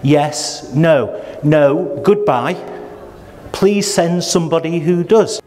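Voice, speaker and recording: A procurement trainer lectures a room of trainees, posing rhetorical questions and acting out what buyers and suppliers say. His voice is on the high side, slow and darkish, and the training room carries a long hall reverb.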